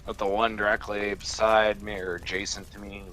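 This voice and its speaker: A man's voice: on the low side, level tone, fairly quick, fairly bright tone, a little hiss or hum. A man playing in a tabletop role-playing game, talking casually and swearing often. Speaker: player. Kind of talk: casual tabletop gaming chat.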